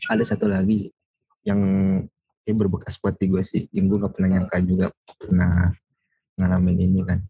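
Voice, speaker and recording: A young man, telling stories in a casual podcast chat with halting restarts. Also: sits low, completely flat delivery, husky, no room sound, muffled recording.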